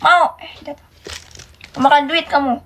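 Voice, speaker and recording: Casting: a woman as a sarcastic nagging mother, high voice. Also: fairly even intonation, normal speed, pushed and bright. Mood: scolding. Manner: sarcastic scolding. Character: stern nagging mother scolding her child.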